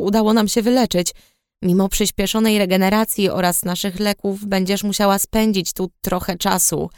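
A woman voicing a gentle male alchemist healer who speaks calmly and reassuringly, her voice lowered for him. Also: dry recording, clean studio sound, close to an everyday voice. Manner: calm, soft-spoken, reassuring.

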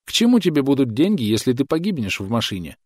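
A man's voice: mid-range voice, sing-song, quick pace, no room sound, clean studio sound, pitched above the performer's own voice. A man voicing a bitter, fretful old mother. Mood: reproachful. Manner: plaintive, reproachful. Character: bitter aging mother, fretful and self-pitying.

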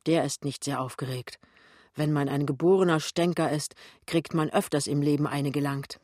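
A man reading a novel aloud in a steady, plain storytelling manner. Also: a little high, moderate pace, no echo, studio quality. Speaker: reader. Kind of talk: literary reading.

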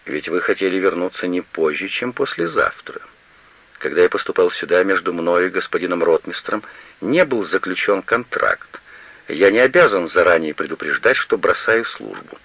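A man's voice: deep voice, animated, normal speed, a bit bright, dry recording, heavily acted. A man reading an audiobook and voicing a stubborn, gloomy young estate manager who speaks tersely, on a slightly lo-fi recording. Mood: firm. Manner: terse and unyielding.

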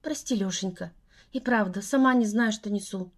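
Reading an audiobook, a woman with a medium-pitched voice and moderate pace plays a tender older mother, lightly acted. The character fusses over her son, warm and tearful.

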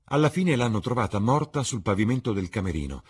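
A man with a husky voice voicing a worldly, cynical gentleman in an audiobook reading, speaking gravely and coaxingly. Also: mid-range voice, very animated, fast, voice pushed up. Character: worldly, cynical older gentleman, calm and persuasive.

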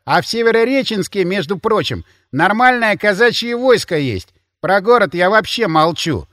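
Man voicing a loud mocking barroom pal, high and animated, dry close sound, audiobook. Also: normal speed, no room sound. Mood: sarcastic lecturing. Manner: boisterous, sarcastic, lecturing. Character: brash loud male bar companion, mocking.

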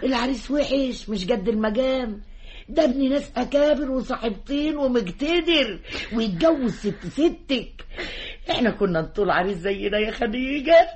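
An actress plays an Egyptian village mother in a radio play who scolds her daughter and fawns over guests, her voice somewhat high. Faint hiss lies under the old recording. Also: lively intonation, moderate pace, darkish tone, lightly acted. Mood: fussing. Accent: Egyptian Arabic.

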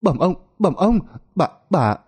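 A man voicing a panicked young male servant who stammers and rushes his words in a spoken folk tale. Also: sits high, big pitch swings, darkish tone, husky, pitched above the performer's own voice, heavily acted. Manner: stammering, breathless rushing.

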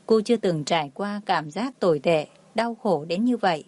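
A woman tells a dramatic story in an even storytelling voice. Her voice sits at a middle pitch. It is recorded close and dry, with no room sound. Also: normal speed, no echo. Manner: reads all the figures herself, barely changing her voice. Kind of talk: scripted narration.

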